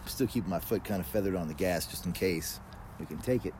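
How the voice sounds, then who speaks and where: Low-voiced male guest, casual fireside storyteller, colloquial and a bit sweary, recorded outdoors with clear background noise. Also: fast, darkish tone. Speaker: guest telling personal stories. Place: outdoors in a backyard. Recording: noisy outdoor ambience with vehicle sounds.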